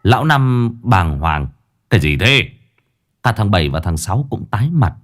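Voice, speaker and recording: Low-voiced lively male storyteller. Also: moderate pace. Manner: expressive, dramatic reading. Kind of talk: ghost story narration.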